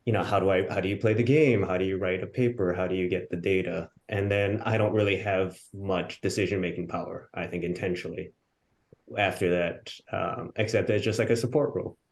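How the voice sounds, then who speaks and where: A man from Hawaii, a researcher on a video-call panel, talks casually in a relaxed, self-deprecating way. His voice sits low and he speaks fairly quickly.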